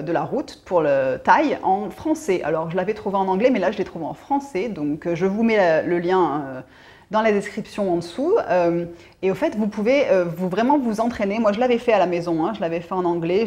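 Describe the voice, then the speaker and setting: A woman's voice: mid-range voice, animated, brisk, a little mellow. A woman from France, chatting casually to camera as a vlogger, telling a story with lots of fillers and restarts. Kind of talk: casual chat.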